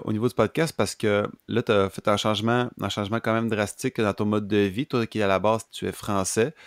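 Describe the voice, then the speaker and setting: Podcast host, Québécois man, low-pitched, halting and repetitive, dry close recording. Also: no room sound. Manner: halting, repeats words while forming questions. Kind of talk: casual interview chat.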